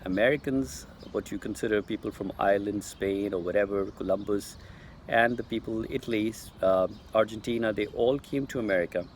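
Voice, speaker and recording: Speaking directly to Americans, this political commentator from Pakistan delivers an earnest, insistent monologue to camera in Pakistani-accented English. He talks briskly in a fairly low voice, over a slight hiss or hum.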